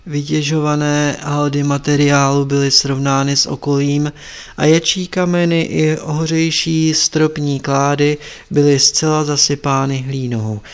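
A man narrating a story in a calm, measured way. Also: on the high side, clear, resonant tone. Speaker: audiobook narrator. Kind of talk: scripted narration.

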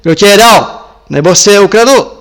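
A man voicing a stern, furious old male master who yells and scolds harshly. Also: sits high, animated, pitched above the performer's own voice.

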